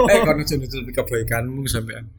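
A man's voice: mid-range voice, fairly even intonation, quick pace, over loud music. A young man hosting a casual chat, asking questions and talking reflectively. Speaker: host.

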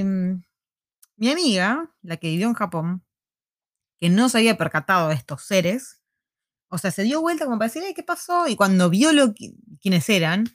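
A woman's voice: mid-range voice, dry recording, studio quality. Argentine woman telling a story with flair. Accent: Argentine Spanish. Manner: animated storytelling with laughs and acted-out quotes. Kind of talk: casual chat.

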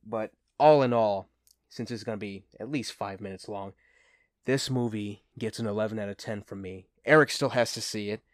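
A man with a fairly low voice gushes like an excited fan as he hosts a casual movie review. The sound is dry and close, with no room echo. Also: normal speed. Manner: enthusiastic, gushing fan talk. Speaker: host of a movie review show.

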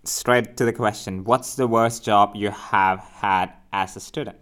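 A man's voice: lowish voice, measured pace. A man from India hosting a casual podcast chat, joking and repeating himself as he talks. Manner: animated, jokey, repeats himself. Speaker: podcast host.

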